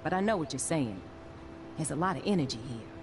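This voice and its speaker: Low-voiced earnest science teacher lady, measured and caring, game audio with some noise. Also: animated. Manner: measured, concerned, explanatory. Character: calm, earnest adult woman science teacher. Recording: game audio under a livestream, with background noise.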